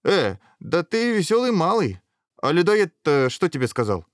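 A man voicing a jolly, boisterous male guard in a storybook, loud and laughing. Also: fairly high pitch, big pitch swings, moderate pace, dry recording, studio quality, voice pushed up. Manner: boisterous, guffawing.

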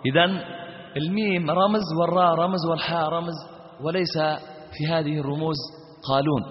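Libyan man teaching Quran recitation in a reverberant hall. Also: a little high. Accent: Libyan Arabic. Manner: asks students questions and answers them himself; drills sounds by repeating and intoning them slowly. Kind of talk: recitation lesson with chanted examples. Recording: dull lo-fi audio with long hall reverb.

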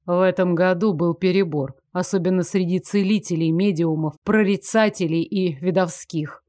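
Calm commanding nobleman, low and unhurried, read by a woman; dead-dry booth sound. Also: no echo, natural voice. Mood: assured. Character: calm self-assured nobleman, gently commanding. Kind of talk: audiobook character voice.

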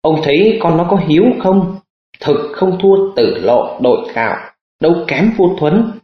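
A man voicing a shrill cruel stepmother. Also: animated, unhurried, echoey room, dull audio. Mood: ranting. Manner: scolding, hissing, cursing.

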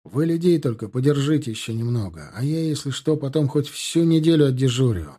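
A man voicing a young male army lieutenant who speaks calmly and earnestly. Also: medium pitch, a little fast, husky.

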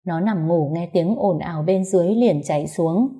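A woman narrating a story in a calm, measured reading. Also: lowish voice.

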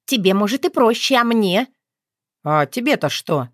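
A woman reader voicing an angry, bossy young woman who scolds in a sharp, raised voice. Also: mid-range voice, expressive, normal speed, no echo, clean studio sound, voice pushed up, close to an everyday voice. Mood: indignant.

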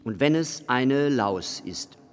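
A man voicing a small, sly gnome man in a red pointed cap, with cheeky, excitable exclamations. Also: medium pitch, slow. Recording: long reverb with faint music behind.

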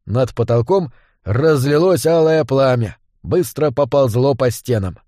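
A man reading a story aloud as an audiobook narrator, in a steady storytelling voice on a close mic. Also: medium pitch, a little slow, no room sound.

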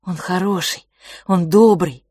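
A woman voicing an impassioned young boy, a dreamer quick to anger, pleading near tears in an audiobook. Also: fairly low pitch, a little mellow, breathy edge, dry recording, clean studio sound. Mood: agitated pleading. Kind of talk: audiobook character voice.

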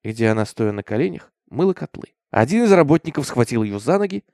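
Man reading a horror story, expressive. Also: medium pitch, fairly quick, dry recording, clean studio sound. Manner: intense, expressive delivery. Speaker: narrator.

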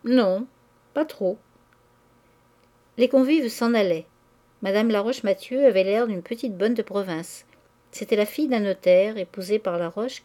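A woman narrating an audiobook of a classic novel in a measured, even way. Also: mid-range voice. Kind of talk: reading a classic novel aloud.

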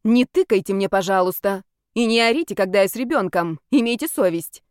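A woman voicing a sharp-tongued, indignant young mother. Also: medium pitch, expressive, brisk, dry recording, studio quality, lightly acted. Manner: indignant, scolding.

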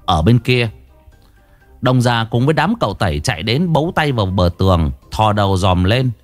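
Lively male storyteller. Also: lowish voice, normal speed, faint music behind. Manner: vivid, comic storytelling. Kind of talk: scripted story narration.

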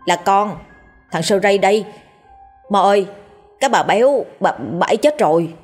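Lady doing a nervous young village guy, whiny and pleading, kinda husky. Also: on the low side, animated, moderate pace, a little mellow, soft background music. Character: timid young village man, grumbling and pleading.

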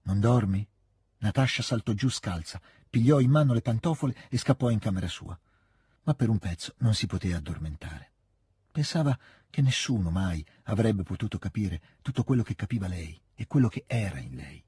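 A man with an Italian accent reading a classic novel aloud, measured and expressive, with a husky voice. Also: on the low side, no echo, studio quality. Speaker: audiobook reader.

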